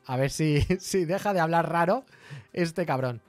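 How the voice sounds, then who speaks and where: A man with a Spain Spanish accent giving a casual live-coding tutorial, chatty and quick to laugh and swear in surprise. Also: a little high, faint music behind. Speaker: programming streamer.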